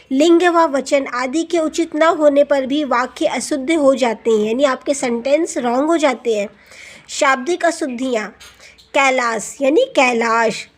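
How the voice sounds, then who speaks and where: A woman teacher going through exercises for students, asking questions and answering them herself, words into her speech. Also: high-pitched. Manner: addresses students as beta, asks and answers own questions. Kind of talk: classroom lesson explanation.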